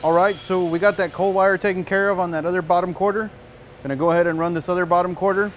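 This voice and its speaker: A man in his thirties giving a relaxed, folksy welding demonstration in a shop, talking the viewer through each step. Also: high-pitched, quick pace, a little hiss or hum. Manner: relaxed, folksy, frequent "you know". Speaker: welding instructor. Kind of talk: casual demonstration tutorial. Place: large welding shop indoors.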